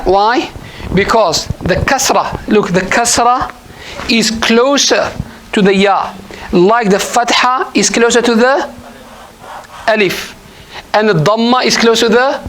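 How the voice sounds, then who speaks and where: A man's voice: sits high, a bit bright, slight background noise, low-quality recording. A man teaching an Arabic grammar class at a mosque, patient and repetitive, often quizzing his students. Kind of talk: classroom lesson.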